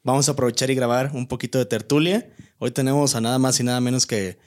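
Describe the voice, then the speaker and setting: A man's voice: medium pitch, fairly even intonation, fast talker, a little mellow. A man with a Mexican accent hosting a podcast in casual, joking chat. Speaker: podcast host.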